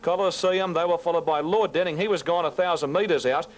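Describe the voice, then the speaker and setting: An Australian race caller with a somewhat high male voice. He reels off the horses' names in a quick, rhythmic patter. His call stays brisk and informative. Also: a little hiss or hum, rough recording. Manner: rapid, rhythmic listing of runners, rising in pitch toward the finish.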